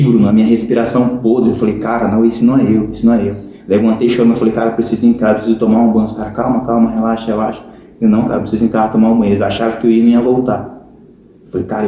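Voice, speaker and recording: Speaking with a Brazilian Portuguese accent, this man shares his conversion story as a podcast guest, earnestly, repeatedly addressing the listener as "cara." His voice is lowish and mellow, with slight background noise, in a very echoey room.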